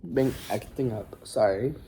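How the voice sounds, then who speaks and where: A high school student in their teens recording a casual recap vlog on a phone, talking in a halting, rambling, apologetic way. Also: warm tone, a little hiss or hum, rough recording.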